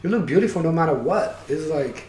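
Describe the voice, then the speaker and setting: A man's voice: fairly high pitch, lively intonation, brisk, darkish tone. A man in his sixties from Mexico, co-hosting casually with jokey, slangy asides. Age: 60s. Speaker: co-host. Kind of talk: casual chat. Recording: roomy echo, distant mic.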